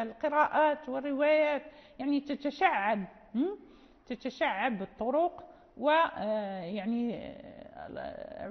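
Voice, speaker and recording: A woman teaching Quran recitation rules, explaining slowly and repeating phrases with checking questions. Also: sits high. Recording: dull lo-fi sound in a reverberant hall.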